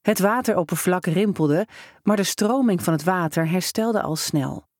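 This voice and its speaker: A storyteller reads a first-person story in a steady, measured voice of middle pitch. The take is close and dry, with no room around it. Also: no room sound.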